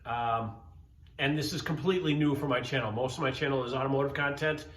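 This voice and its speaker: A man's voice: mid-range voice, fairly quick, a bit bright. A man in his fifties hosting a casual vlog to camera, rambling and correcting himself as he talks enthusiastically in an indoor workspace. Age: 50s. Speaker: channel host. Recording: roomy echo, faint background hiss.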